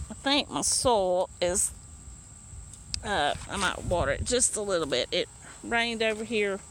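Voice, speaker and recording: A woman's voice: mid-range voice, a bit bright, low-quality recording. A woman talking casually while working in her backyard garden, chatty and rambling with lots of fillers and restarts, out of breath from hours of yard work. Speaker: home gardener. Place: backyard garden bed, outdoors. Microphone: phone or camera held while working. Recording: faint outdoor noise.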